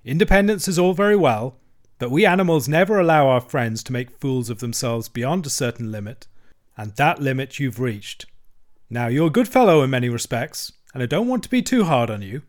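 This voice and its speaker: A man's voice: mid-range voice, expressive, a little fast, lightly acted. A man voicing a solemn, commanding old male badger in a storybook reading, grave and firm. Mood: severe.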